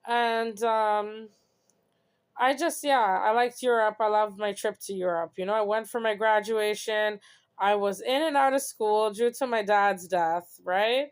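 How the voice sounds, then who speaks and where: A young woman speaks in a casual personal monologue, earnest and reflective, often tagging her thoughts with "you know." Her voice is smooth and resonant, sitting at an ordinary middle pitch. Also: steady tone, measured pace. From Canada. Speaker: host.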